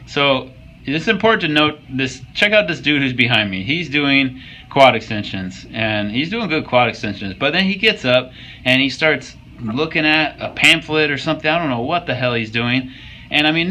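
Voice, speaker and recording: A man's voice: mid-range voice, sharp tone, rough recording. A young man casually commenting on workout footage, joking and swearing as he coaches viewers. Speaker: fitness vlogger.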